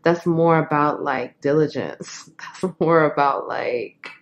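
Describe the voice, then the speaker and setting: Low-voiced woman doing a tarot reading, laid-back and blunt, giggles a lot, kinda muffled lo-fi audio. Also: slow, a little hiss or hum. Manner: chatty, laughs often, frank, filler-heavy. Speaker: tarot reader. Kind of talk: casual tarot reading to camera.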